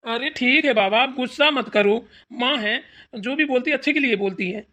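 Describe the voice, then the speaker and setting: A woman's voice: a little high, a little fast, sharp tone, muffled recording, voice pushed down. A woman voicing a lazy, easygoing husband in a cartoon, placating his angry wife. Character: lazy grown son eating, mild husband. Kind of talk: cartoon voice acting.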